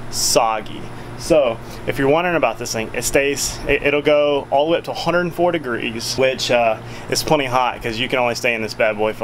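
A man's voice: mid-range voice, fairly bright tone, slight background noise, low-quality recording. A man, giving a chatty, folksy product review outdoors on a covered backyard patio, filming with a handheld camera at arm's length. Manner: chatty, filler-heavy, folksy. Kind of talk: casual product review vlog.

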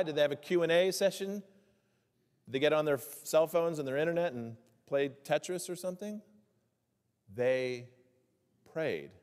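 Male pastor preaching, slightly high voice, emphatic questions, slows on key lines, long church echo. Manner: asks the congregation many rhetorical questions; slows down to stress key phrases. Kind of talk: sermon. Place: church sanctuary.

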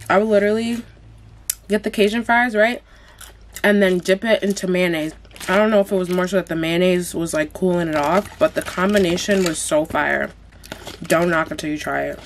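A woman's voice: medium pitch, slight background noise. A young woman chatting casually while she eats on camera for a mukbang vlog, blunt and full of slang. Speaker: mukbang vlogger. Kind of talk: casual chat while eating. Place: at home.

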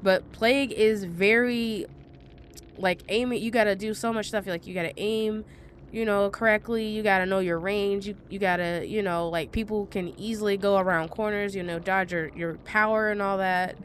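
A woman's voice: mid-range voice, steady tone, moderate pace, slight background noise. A young woman retelling a game match in casual, chatty commentary, full of fillers and sarcastic asides. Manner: chatty storytelling with many fillers. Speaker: gaming vlogger.

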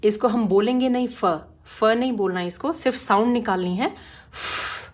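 A woman's voice: a little high, normal speed. A woman teaching phonics, explaining each letter patiently and demonstrating its sound again and again. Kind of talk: slow, careful phonics lesson.

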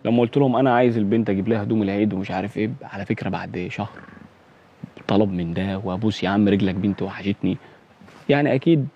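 A man's voice: mid-range voice, warm tone, slightly rough, dry recording, muffled recording. A man calling in with an Egyptian Arabic accent, agitated and insistent, swearing oaths as he argues his side. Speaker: caller.

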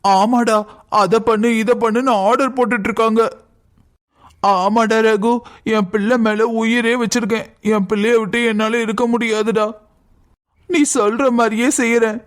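A man voicing a resentful young daughter-in-law in a cartoon, complaining and quick to take offence. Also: high-pitched, little pitch movement, close to an everyday voice. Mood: plotting. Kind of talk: cartoon voice acting.

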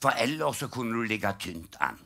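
Older guy doing standup, bright lively voice, dry jokey storytelling. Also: lowish voice, creaky. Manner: dry storytelling with acted punchlines. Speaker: stand-up comedian. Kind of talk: live stand-up routine telling religious jokes. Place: live comedy stage.

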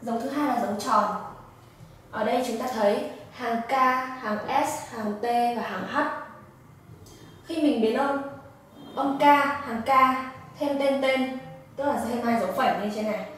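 A woman teaching Japanese pronunciation, slowly demonstrating each syllable. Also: on the high side, a little hiss or hum. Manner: slow, careful demonstration of syllables. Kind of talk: pronunciation lesson. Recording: echoey room from a distance.

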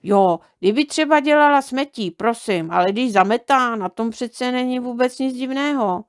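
Woman reads a scared stammering little shorty, high pitched, storybook. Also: clear, resonant tone. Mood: scoffing. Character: small timid boy shorty, easily scared.

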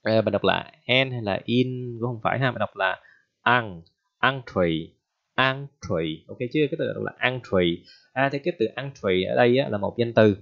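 Man, English teacher, chatty and joking, lowish voice, dull lo-fi sound. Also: fast, creaky. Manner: chatty, joking, frequent tag questions. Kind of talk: casual vocabulary lesson. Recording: dull lo-fi recording.

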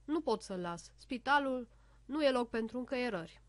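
A strict little storybook doctor lady, stern and scolding, with a highish voice, as a woman reads her part. The sound is close and dry. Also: expressive, dry recording, close to an everyday voice.

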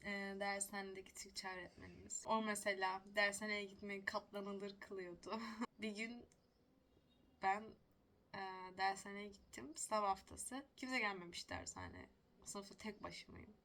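A woman's voice: mid-range voice, a bit bright, slight background noise. A young woman telling stories casually to the camera, chatty and self-mocking, laughing often. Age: young adult. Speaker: vlogger.

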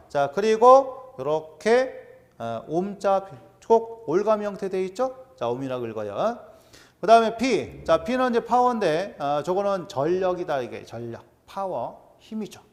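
High lively guy lecturing, keeps asking quiz questions, middle-aged. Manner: animated, drills terms with "자" and quiz-style questions. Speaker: exam prep lecturer. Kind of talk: classroom lecture.

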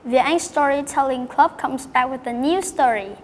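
A woman's voice: high-pitched, normal speed, long reverb tail. A woman hosting a storytelling show in an upbeat, scripted way. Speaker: host.

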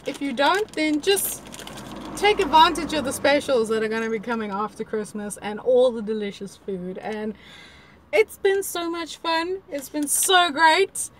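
A young woman, co-hosting a casual chat outdoors in a park, easygoing and quick to laugh. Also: sits high, expressive, slight background noise. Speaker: co-host.

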